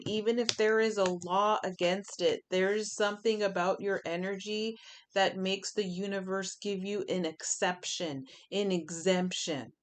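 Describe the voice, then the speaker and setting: A woman's voice: medium pitch, slight background noise. A woman giving a chatty pick-a-pile tarot reading, emphatic and fond of repeating her phrases. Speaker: tarot reader.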